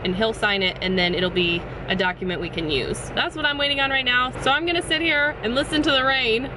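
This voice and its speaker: A woman's voice: fairly high pitch, a little fast. A young adult woman chatting casually and explaining things to camera, sitting in a parked car in pouring rain. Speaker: vlogger. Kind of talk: casual vlog chat to camera. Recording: noisy rain drumming on car. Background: loud rain on the car.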